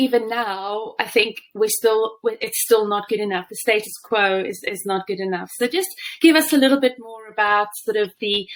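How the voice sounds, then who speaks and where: A woman's voice: fairly high pitch, fairly bright tone, rough recording. A woman hosting a podcast interview, asking questions and praising her guest effusively, with many fillers. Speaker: podcast host.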